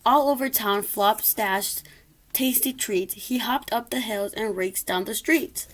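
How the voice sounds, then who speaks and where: A woman's voice: fairly high pitch, unhurried, background noise. A woman reading a rhyming children's story aloud expressively, occasionally stumbling over a word. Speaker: storybook reader.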